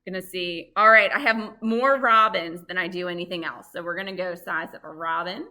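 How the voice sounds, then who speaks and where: Woman, bright voice, lively, chatty, interactive family lesson. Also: on the low side, fairly quick. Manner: lively, chatty, exclaims and asks the audience questions. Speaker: library program presenter on birds.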